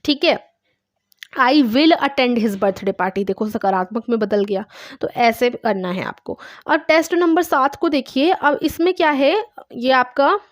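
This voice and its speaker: A woman's voice: high voice, measured pace, no echo. A woman teaching a course online, patiently explaining a test step by step with examples and reading words aloud. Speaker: English teacher.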